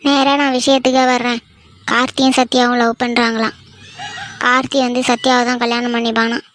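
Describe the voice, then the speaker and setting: A woman's voice: fairly high pitch, flat delivery, fairly quick, a bit bright, a little hiss or hum, lightly acted. A woman doing a worried older village aunt. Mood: anxious. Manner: anxious, confiding.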